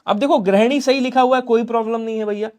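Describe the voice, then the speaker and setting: A young adult man teaching Hindi spelling for an exam-prep class, lively, quizzing students and answering for them. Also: extremely high pitch, quick pace.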